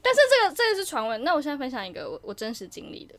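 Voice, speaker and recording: A young woman chats on a podcast and tells a ghost story. She talks quickly, her pitch rising and falling a lot, and she drops to a hushed voice for the eerie bits. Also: very noisy. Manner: lively storyteller, drops to a hushed voice for spooky parts. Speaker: podcast co-host. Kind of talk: casual chat, telling a ghost story.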